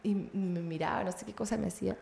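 A young woman with a Peruvian Spanish accent telling a road story in casual chat, animated and often laughing. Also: mid-range voice, racing, gravelly, crowd noise. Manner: animated, laughing, acts out voices in her anecdotes.

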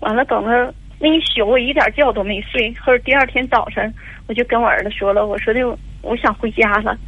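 A woman's voice: fairly high pitch, a little fast, breathy edge, no room sound. An older woman, calling in to an advice radio show and telling a long, tearful story with many fillers. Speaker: caller. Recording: dull lo-fi phone line.

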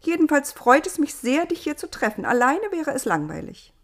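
Lady putting on a high giggly newborn girl, cheeky, swoops up and down, storybook. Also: sing-song, moderate pace. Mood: cheerful. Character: newborn first woman, bubbly, cheeky, curious.

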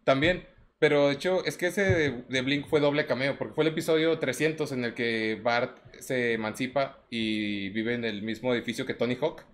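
A man with a Mexican accent hosts a loose, casual chat about music cameos in movies and cartoons. He tells stories with energy and keeps switching into quoted lines. His voice sits in an ordinary middle range. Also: normal speed. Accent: Mexican Spanish. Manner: animated storyteller, acts out quotes in a higher voice.

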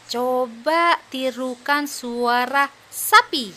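A woman's voice: high voice, sharp tone, heavily acted. A woman playing a cheerful young mother in a scripted children's audio play, patiently praising and encouraging her two little daughters. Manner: patient, praising, speaks slowly for small children.

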